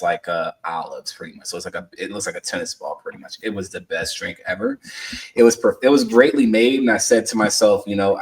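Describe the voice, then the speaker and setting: With a deep voice captured on a distant mic in a low-quality recording, a sports podcast co-host in his thirties chats casually. His storytelling rambles and is heavy with fillers.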